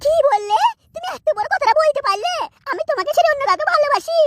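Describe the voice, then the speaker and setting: A woman's voice: very high-pitched, lively intonation, fast talker, a bit bright, no room sound, studio quality. A woman voicing an indignant, quarrelsome wife in a comic cartoon dub. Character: touchy, indignant young wife.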